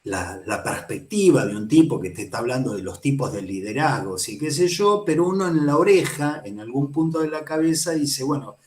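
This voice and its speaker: An Argentine psychoanalysis teacher gives a casual, digressive university lecture, often asking "¿sí?" to check in. His medium-pitched voice has lively intonation and a slightly mellow quality, moving briskly with few pauses in a roomy-sounding space.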